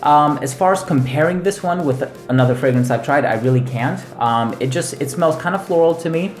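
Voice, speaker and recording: A male host gives a casual, laid-back product review at a medium pitch. His voice bounces around an echoey room, with music playing underneath. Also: brisk. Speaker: fragrance reviewer and channel host. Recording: roomy echo with music underneath.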